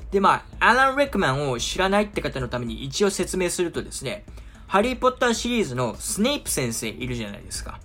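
Male film commentator, chatty and relaxed, voice swinging up and down a lot. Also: on the high side, faint music behind. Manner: chatty, often drawn-out asides and filler words. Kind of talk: casual explanatory talk to viewers.

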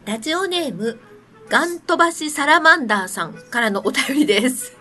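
A woman hosting a casual radio show, reading out a listener's letter, often giggling and answering with soft agreeing murmurs. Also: high-pitched, animated, brisk, over music.

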